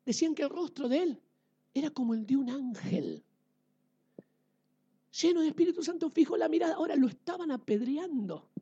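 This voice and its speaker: A woman preacher with a Rioplatense Spanish accent giving a lively sermon. She asks her listeners questions and swings between loud and quiet. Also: sits high, normal speed, long pauses, lo-fi sound.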